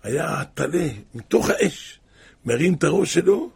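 A man preaching a sermon, impassioned, moving between hushed tones and crying out. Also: on the high side, lively intonation, gravelly, breathy edge.

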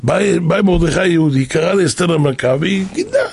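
Very husky, animated male preacher. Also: fairly high pitch. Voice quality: very husky, gravelly. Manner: dramatic, acts out voices, breaks into shouts. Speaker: preacher telling a religious story. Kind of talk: animated storytelling sermon.

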